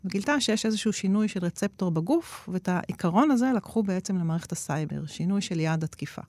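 A woman's voice: mid-range voice, expressive, a little mellow, no echo. A woman being interviewed as an expert, explaining at length with frequent hesitation fillers. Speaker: guest expert on nature-inspired innovation.

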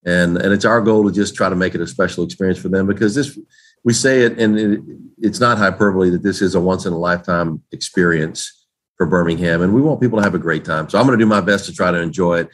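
A man answering interview questions in a folksy, relaxed way, with many fillers and restarts. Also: low-pitched, quick pace. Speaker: guest, games organizer.

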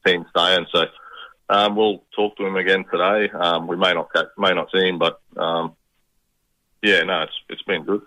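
A man's voice: low-pitched, level tone, normal speed, pushed and bright. A middle-aged man with a Queensland Australian accent, chatting casually and a little hesitantly as a guest on a radio call. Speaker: radio interview guest, proud father. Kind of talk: casual chat. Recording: dull, band-limited radio call.

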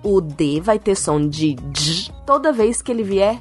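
A woman's voice: mid-range voice, animated, measured pace, faint music behind. A woman on a science podcast explaining an answer to a child in a patient, teacherly way.

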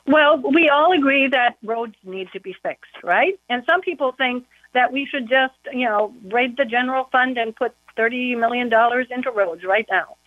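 A woman speaks over a muffled, tinny phone line that sounds like it comes through a wall. Her voice sits a little high and has no room sound around it. She talks in an easygoing, chatty way, with plenty of fillers. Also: moderate pace, dry recording. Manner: chatty, full of "you know" fillers. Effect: muffled phone line, as if heard through a wall. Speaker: county board member. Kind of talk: casual phone-in interview.

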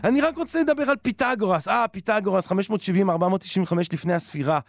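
A man hosting a comic late-night style show, theatrical and excitable, often stammering and restarting. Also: high-pitched, gravelly, no echo, clean studio sound. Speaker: podcast host.

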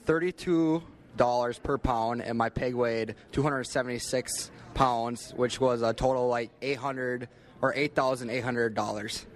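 A young American man giving casual, halting, plain-spoken answers as an interview guest. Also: medium pitch, fairly even intonation. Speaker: interview guest, livestock exhibitor.

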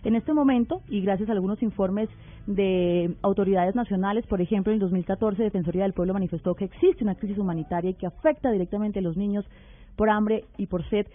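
A woman hosting a radio talk show, speaking in a measured, deliberate way and asking probing questions. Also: mid-range voice. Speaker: radio host. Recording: narrow phone-like radio sound with faint music bed.

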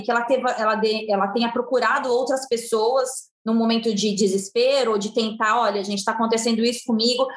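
A woman's voice: on the high side, echoey room. A woman host in a live TV discussion, talking earnestly with a Brazilian accent and repeating her points with many fillers. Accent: Brazilian Portuguese. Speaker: sports show host.

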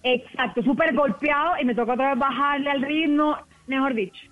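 A woman from the Colombian Caribbean coast with a softened coastal accent, a TV news presenter chatting quickly as a radio guest. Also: high-pitched, over a noisy crowd. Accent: Colombian coastal Spanish, softened. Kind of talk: casual radio chat. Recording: tinny phone line, dry.

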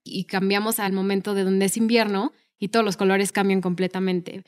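A woman's voice: medium pitch, level tone, fairly quick, clear, resonant tone. A woman co-hosting a podcast, chatting casually and retelling film scenes with many fillers. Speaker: podcast co-host.

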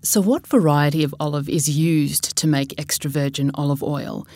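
A woman's voice: sits low, fairly even intonation, normal speed, a little mellow, dry recording, studio quality. A woman interviewer asking brief, direct questions.

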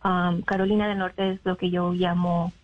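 Young adult woman from Mexico, an interview guest on the phone, halting and filler-heavy, with a low, flat delivery. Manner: halting, with many fillers and English words mixed in. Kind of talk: personal account in an interview. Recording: phone line.

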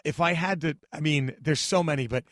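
Man, comedian, animated profane storyteller, fairly high voice, dry close sound. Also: brisk, dry recording. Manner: profane, animated storytelling, acts out others' lines. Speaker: stand-up comedian guest. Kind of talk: casual podcast chat.

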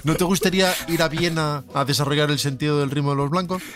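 A man making dry deadpan quips in a comedy podcast. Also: on the high side, quick pace. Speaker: podcast co-host. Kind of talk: casual comedy chat.

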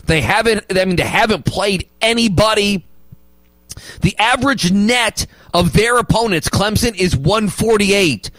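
A male sports radio host arguing basketball opinions and rattling off stats, with emphatic loud bursts. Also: high-pitched, a little slow, no room sound, poor audio.

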